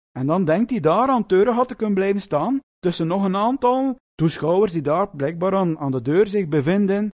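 A man delivering a sermon in a high-pitched voice. His pitch swings widely as he tells the story, and he keeps drawing the congregation in with tag questions and fond asides. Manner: lively storytelling, addresses listeners with "lieve mensen" and tag questions. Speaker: preacher.

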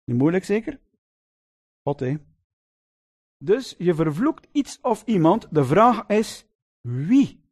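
A man's voice: sits high, slow pace, long pauses. A man preaching a sermon, telling the story vividly and often turning to his listeners with little questions. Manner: lively storytelling, addresses listeners with "lieve mensen" and tag questions.

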